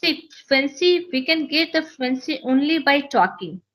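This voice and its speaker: A woman with a high, animated voice speaks a little slowly, her tone a bit bright. She's an English teacher with an Indian accent whose first language is Maithili, and in this interview she earnestly shares learning advice, repeating phrases to drive her points home.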